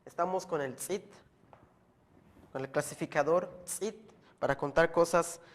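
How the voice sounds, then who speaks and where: A man teaching a language lesson, explaining slowly and patiently and repeating each word so the learner can follow. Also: fairly high pitch.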